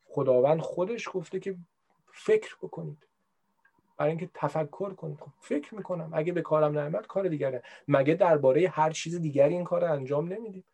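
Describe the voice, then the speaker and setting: A man's voice: fairly high pitch, gravelly, warm tone, husky. A man in casual, reflective explanatory talk, conversational and full of everyday examples. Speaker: speaker on religious practice.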